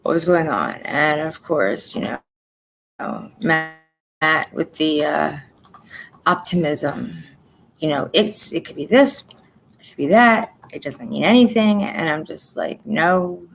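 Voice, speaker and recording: A woman's voice: sits low, lively intonation, measured pace, gravelly, a little hiss or hum, poor audio. A woman giving an emotional personal update, talking bluntly and with swearing, repeating herself for emphasis. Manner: blunt and profane, venting frustration. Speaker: vlogger.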